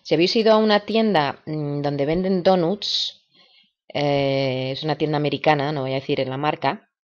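Low-voiced woman teaching English. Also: fairly even intonation. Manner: patient, repeats words slowly for imitation. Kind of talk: video lesson, explaining and drilling words. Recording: dull lo-fi recording.

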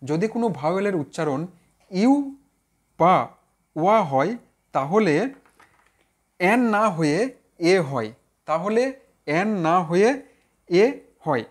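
A man teaching an online grammar lesson. He talks straight to his viewers, asks and answers his own questions, and slowly repeats example words to drill their pronunciation. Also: high voice, animated.

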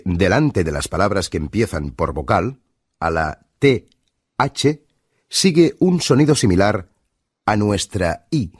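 A man with a Spain Spanish accent reading scripted narration for an English course, in a clear and deliberate teacher's delivery. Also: on the low side, darkish tone, no room sound, studio quality.

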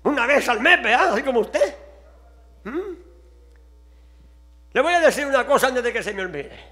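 High-voiced fervent preacher man. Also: very animated, normal speed. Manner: fervent, shifting between quiet questions and shouting. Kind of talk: sermon.

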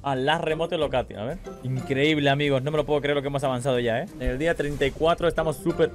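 A young man, commentating a multiplayer survival game for his viewers and getting excited at every big moment. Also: mid-range voice, fast talker, soft background music. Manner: excitable, shouts at the action, addresses viewers as "gente". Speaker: gaming streamer. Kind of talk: excited let's-play commentary.

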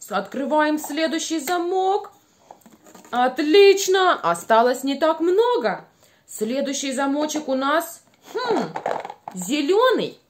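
A young woman with a high voice leads small children through speech exercises. She is playful and encouraging, animated in delivery, and over-enunciates her words. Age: young adult. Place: small room at home by a window.

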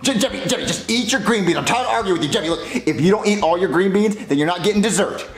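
A man's voice: high-pitched, fast talker. A man voicing a weary dad in his forties who stammers and keeps repeating his son's name while scolding him. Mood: exasperated. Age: 40s. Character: weary middle-aged dad, patient but exasperated.

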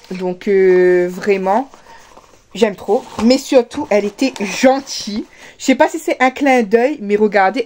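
A woman's voice: medium pitch, a little mellow. A woman with a Réunion French accent, chatting casually to camera as she unboxes parcels, full of fillers and restarts. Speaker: vlogger.

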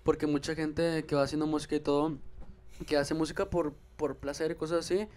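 A young adult Mexican musician talks briskly in a fairly high, darkish voice with fairly even intonation. He's a relaxed podcast guest prone to hesitant fillers, seated on a couch in a small room and holding a handheld microphone.

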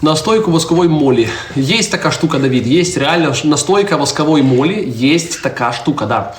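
With a fairly high, expressive voice and a fairly quick pace, a young priest in his 20s chats casually on a live stream from a church. He fields viewer comments and playfully teases his little daughter, while faint background noise and a roomy echo fill the recording.

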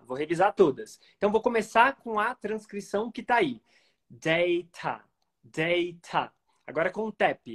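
Man teaching pronunciation, slightly high voice. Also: husky. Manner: slow, deliberate model pronunciations between quick explanations. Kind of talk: casual video lesson.

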